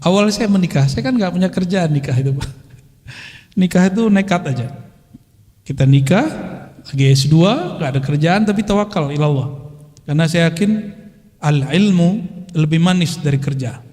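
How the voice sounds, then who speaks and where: High-voiced male preacher in a hall. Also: animated, moderate pace, pauses often, darkish tone. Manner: casual conversational preaching, mixing Arabic phrases and quotes. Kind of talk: religious study talk to a congregation. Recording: long hall reverb.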